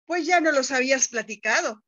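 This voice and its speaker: Woman student answering over a call, high voice, dull lo-fi laptop speaker sound. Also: animated, fairly quick, fairly bright tone. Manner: answers plainly in short bits. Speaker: student in an online class.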